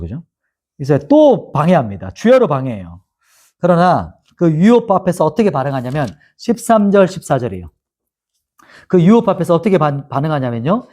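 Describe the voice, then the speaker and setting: Male pastor, Bible teaching, rising and falling melodic delivery, husky tone. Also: fairly high pitch, a little mellow. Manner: asks the audience questions and answers them, acts out quoted mockery.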